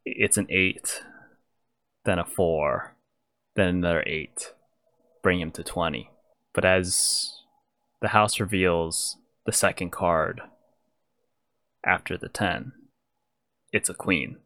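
A man running a tabletop role-playing game, narrating in a deep, unhurried voice. He pauses with frequent fillers as he paints the scene, recorded close and dry. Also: dry recording. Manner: descriptive, relaxed narration with frequent "uh". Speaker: game master.

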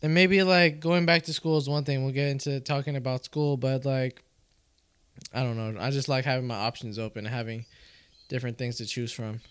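Casting: male, twenties. Clean, smooth tone, loose sweary frat-bro delivery, conversational. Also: medium pitch, fairly even intonation, a little fast, no room sound. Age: 20s. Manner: frat-bro talk, slangy, heavy "bro" and swearing. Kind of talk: casual chat.

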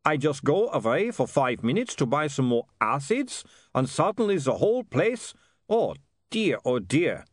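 A man voicing an excitable, fretful man who chatters on. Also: fairly high pitch, a little slow, no echo, clean studio sound, voice pushed up. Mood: flustered.

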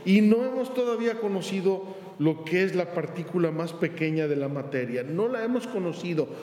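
A male priest giving a homily with slow, earnest storytelling. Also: high-pitched, animated, darkish tone. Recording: roomy church reverb.

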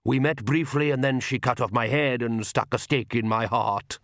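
A man voicing an ancient, courtly male vampire count who speaks slowly and with refined calm. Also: mid-range voice, no echo, clean studio sound, lightly acted. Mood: wistful. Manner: slow, refined and unhurried.

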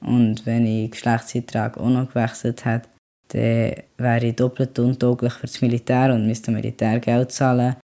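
Quiet young man. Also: mid-range voice, normal speed. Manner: calm, quiet talker, rises when emotional. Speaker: podcast host. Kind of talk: casual podcast chat.

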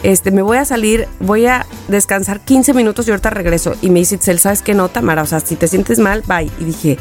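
A woman's voice: mid-range voice, a little fast, faint music behind. A middle-aged woman with a Mexican accent, a podcast co-host chatting casually and acting out the voices in her anecdotes. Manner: animated storyteller who acts out quotes. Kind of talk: casual chat, storytelling.

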